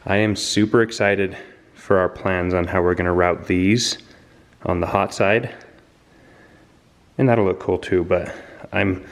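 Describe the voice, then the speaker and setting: A man with a low, deep voice chats to the camera while he wrenches on a project car in a garage. He sounds eager and casual, and his voice drifts nearer and farther from the camera mic as he moves around the work. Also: vocal fry, echoey room. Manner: excited, chatty, talks to camera while working on the car. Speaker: car builder and channel host. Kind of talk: casual garage build vlog.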